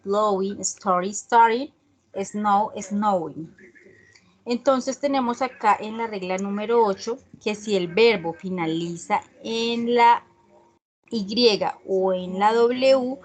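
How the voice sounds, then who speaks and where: A woman teaching a class at an unhurried, deliberate pace, taking her time over each point. She explains rules patiently and keeps checking with her students. Her voice sits at an ordinary middle pitch. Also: a little mellow. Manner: slow and patient, often checking with a questioning "¿sí?"; reads English examples slowly and deliberately. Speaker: English teacher.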